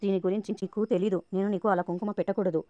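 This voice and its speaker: A woman's voice: medium pitch, steady tone, fast talker, warm tone, no room sound, muffled recording, close to an everyday voice. A woman narrator reading the lines of a firm young husband.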